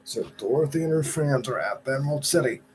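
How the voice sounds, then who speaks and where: A man's voice: mid-range voice, fast talker, a little mellow, poor audio. A man reads a children's story aloud in an easy, chatty manner. He sometimes trips over a phrase and goes back to reread it. There is a faint hum of background noise. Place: at home.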